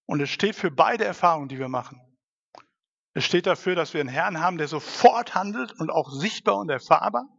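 Gravelly-voiced guy preaching in a church hall, earnest, long echo, kinda dull sound. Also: a little high, expressive, brisk, fairly bright tone. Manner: earnest, rising to emphatic stresses. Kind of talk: sermon.

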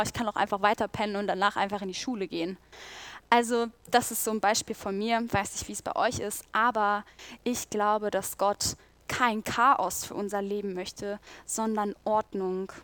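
A woman's voice: medium pitch, smooth, no echo. A young woman giving a sermon in a casual, chatty and earnest way, voicing her own thoughts aloud. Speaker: preacher.

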